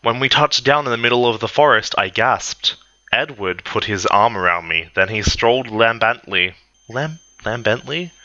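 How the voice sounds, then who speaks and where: A man giving a comedic dramatic reading, narrating in a deadpan, mock-earnest tone. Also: on the low side, moderate pace, no room sound, lo-fi sound. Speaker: reader.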